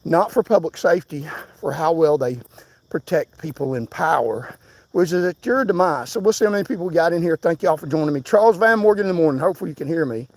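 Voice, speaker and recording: A man's voice: on the high side, expressive, fast talker, a little mellow, no room sound. Breathless older man livestreaming. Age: 60s. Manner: insistent, preaching to viewers. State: out of breath from jogging. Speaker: livestream host. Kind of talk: livestream commentary. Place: outdoors, on foot.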